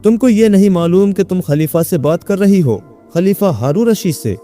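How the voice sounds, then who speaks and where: A man's voice: high voice, animated, normal speed, dark tone, faint music behind. A man voicing a hot-tempered young man who believes he is the caliph and barks angry commands. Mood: angry, commanding.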